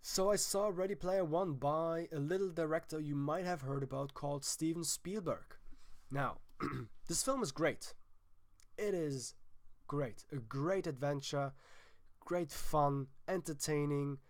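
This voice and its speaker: Hosting his film vlog while ill, a young man with a German accent talks in a casual, chatty and emphatic way, often restarting. His voice sits a little high and moves a little slowly, with no room sound.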